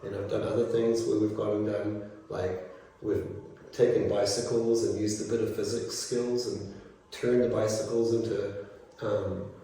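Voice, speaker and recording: A middle-aged man from New Zealand, a teacher, answering interview questions in a relaxed, rambling way with many fillers. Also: fairly low pitch, unhurried, slight background noise. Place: school room. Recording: echoey room from far off.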